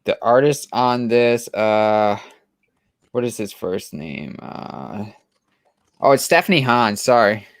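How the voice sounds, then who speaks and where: A man's voice: on the low side, expressive, slow, no echo, studio quality. A man co-hosting a comic book chat show, talking casually and enthusiastically with lots of restarts and fillers.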